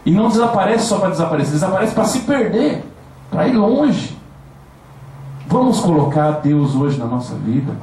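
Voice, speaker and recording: A man preaching a sermon as pastor, speaking with a Brazilian Portuguese accent and acting out whiny complaining voices. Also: slight background noise. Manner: animated preaching, acts out complaining voices in a high whine. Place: church service. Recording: echoey church hall, mic at a distance.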